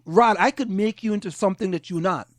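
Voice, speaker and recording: A man from Trinidad hosting a casual talk show, an animated storyteller who acts out what others say into a studio microphone. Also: high voice, fast, no room sound. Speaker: host.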